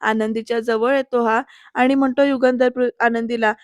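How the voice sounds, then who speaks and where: A woman recapping a television serial episode in voice-over, speaking straight to her viewers as she tells the story. Her voice is fairly high and holds an even, flat line, recorded dry and close with no room sound. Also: normal speed, no echo. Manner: storytelling, addressing viewers directly. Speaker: serial reviewer.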